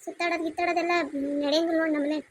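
A woman's voice: very high-pitched, flat delivery, rapid-fire. A woman voicing a bossy, strict village mother-in-law with a North Karnataka Kannada accent, scolding and commanding. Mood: stern.

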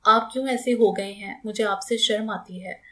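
A woman reading the lines of a shy, flustered young bride in an audiobook, soft and pleading. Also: medium pitch, normal speed, close to an everyday voice.

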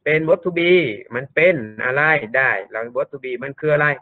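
Guy tutor going over grammar reeeal slow, thin phone-line sound. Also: fairly high pitch, no echo. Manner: slow, repeats words, explains step by step. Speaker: university English tutor. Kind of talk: online grammar lesson.

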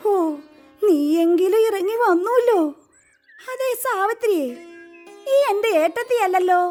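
A woman's voice: very high voice, a little slow, darkish tone. A woman voicing Unniyamma, a fussy, ailing mother in a Malayalam radio play, scolding and tearful, with a Kerala accent and music behind her. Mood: fretful scolding. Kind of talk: radio drama acting.

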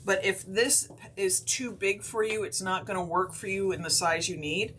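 A woman teaching a craft technique on a live stream, explaining each step in a relaxed, chatty way with lots of fillers and short hiccups. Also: mid-range voice, moderate pace, slight background noise. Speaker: craft instructor.

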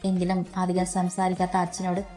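A woman narrating a romantic audiobook story, reading every character's lines in an even, soft-spoken way. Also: fairly low pitch, fairly quick, soft background music.

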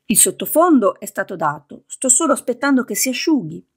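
Woman doing a proud male painter, defiant, theatrical, shouting, raised pitch, gravelly, husky. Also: big pitch swings, fairly quick, full character voice. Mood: sarcastic.

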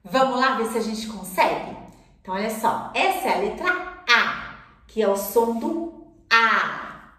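A woman teaching children the alphabet, with warm encouragement and drawn-out tracing cues. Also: fairly high pitch, lively intonation. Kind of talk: slow, sing-song children's lesson. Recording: echoey room, voice from a distance.

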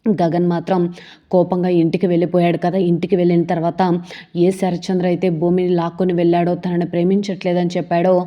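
A woman retelling a TV serial episode, reading every character's lines in her own steady voice. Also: fairly low pitch, fast, muffled recording. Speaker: serial recap narrator.

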